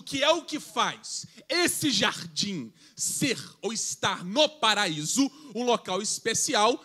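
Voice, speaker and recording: A pastor preaches to a youth service at church in a conversational way, reading scripture aloud and joking with the congregation. His voice is high with a sharp tone.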